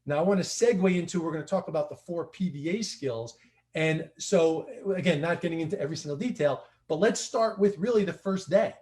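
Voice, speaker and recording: A man's voice: on the high side, a little fast, a little mellow. A man coaching fellow practitioners in a casual livestream discussion, talking emphatically and repeating his key points.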